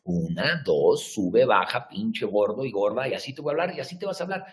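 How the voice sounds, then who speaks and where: A man with a Mexican Spanish accent giving a blunt, profane motivational rant to his viewers, swinging from hushed to shouting. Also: fairly low pitch, expressive, fairly quick.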